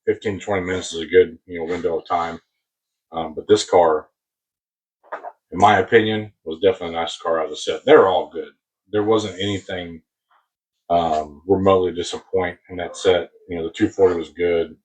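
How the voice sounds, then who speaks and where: An American man rambling casually as he hosts a hobby unboxing video, husky, on a close mic that sounds boomy and muffled, like inside a submarine. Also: fairly even intonation, brisk. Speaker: host of a diecast car collecting channel. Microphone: new mic placed very close.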